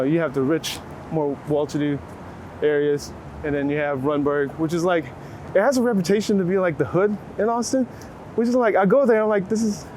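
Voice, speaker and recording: Despite poor audio, the speaker comes across as a man with a voice on the high side and a darkish tone: an American photographer from Waco, Texas, interviewed casually outdoors on a city street. He's reflective and informal, hedging often with "like." Clear street and traffic noise, passing vehicles, and urban ambience fill the background.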